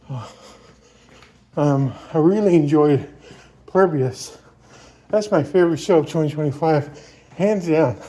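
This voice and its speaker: A man with a high voice and a soft, mellow tone records a casual vlog while running. He rambles informally through his opinions, thinking aloud as he goes. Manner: talking while out on a run. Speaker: vlogger.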